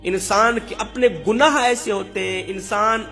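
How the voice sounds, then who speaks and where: A man's voice: sits high, fairly even intonation, bright, forceful tone, soft background music. A man preaching and telling a religious story, emphatic and repeating phrases for effect.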